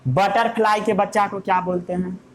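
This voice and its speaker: A man's voice: sits high, steady tone, normal speed. A man teaching a lesson, asking questions and answering them himself in a playful way. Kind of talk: classroom lesson.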